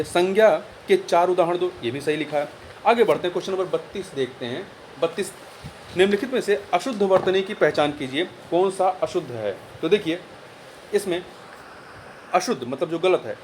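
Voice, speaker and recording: Man, Hindi exam tutor, slightly high voice, repeats words to spell them out, faint background hiss. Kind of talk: exam answer walkthrough.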